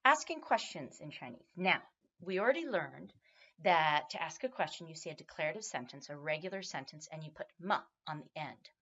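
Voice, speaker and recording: A woman introducing sections of a language lesson in a relaxed, conversational way. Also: low voice, a little fast, breathy edge. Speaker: language teacher. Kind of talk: lesson narration. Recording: dull lo-fi recording.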